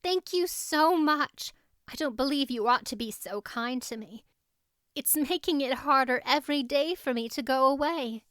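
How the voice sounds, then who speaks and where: Woman voicing Anne, bright-eyed, high-pitched young woman. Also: normal speed, no echo, studio quality. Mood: grateful, tender. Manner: effusive, earnest. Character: eager, tender, dreamy young woman.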